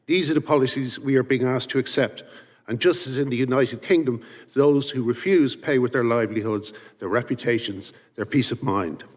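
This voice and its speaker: A man delivers a prepared statement with emphatic, list-driven rhetoric. His mid-pitched voice rings with the long reverb of a large hearing room. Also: normal speed. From Ireland. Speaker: witness at a legislative hearing. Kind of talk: prepared testimony.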